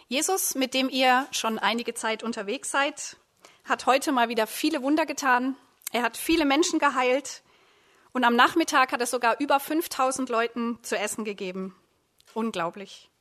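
A woman's voice: high voice, fairly bright tone. Woman preacher painting a vivid scene. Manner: dramatic, addressing listeners directly. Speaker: preacher, discipleship program leader. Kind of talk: sermon with vivid second-person storytelling.

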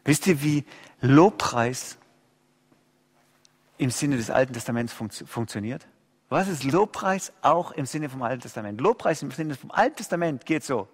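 A male pastor preaching an impassioned sermon, swinging between loud outcries and hushed low asides. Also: animated, normal speed, breathy edge. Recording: long hall reverb.

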